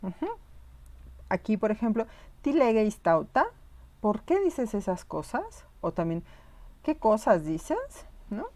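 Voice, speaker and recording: A woman's voice: medium pitch, big pitch swings, slow, pauses often, a little mellow. A woman giving a recorded online lesson, explaining patiently and often checking whether her students follow. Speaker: teacher.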